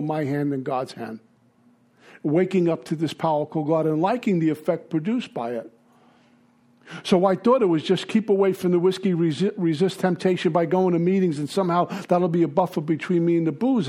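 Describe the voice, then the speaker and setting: A man from Brooklyn with a Brooklyn accent, giving a blunt, halting personal testimony at a recovery meeting. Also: fairly high pitch, warm tone. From Brooklyn, New York. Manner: blunt, halting, with many fillers.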